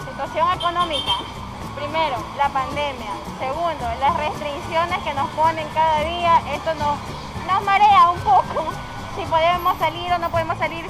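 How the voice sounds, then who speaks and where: A woman's voice: very high-pitched, poor audio. A woman, a street vendor talking earnestly to a reporter outdoors. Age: 30s. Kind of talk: street interview answers. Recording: loud music under street audio.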